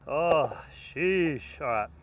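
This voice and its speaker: A man's voice: fairly high pitch, expressive, very slow, lo-fi sound, heavy background noise. A man in his thirties talking to himself between skateboard attempts outdoors, self-coaching and worn out, recorded on a camera set up at a distance. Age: 30s. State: tired and worn out. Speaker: skateboarder vlogger. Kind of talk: casual self-talk while filming. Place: outdoors at a skate spot in strong sun. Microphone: camera mic set up at a distance.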